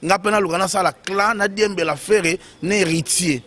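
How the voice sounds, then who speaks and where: High-voiced man, animated chatter. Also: normal speed. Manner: animated, emphatic, short bursts with many fillers. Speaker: commentator. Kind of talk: casual commentary on music news.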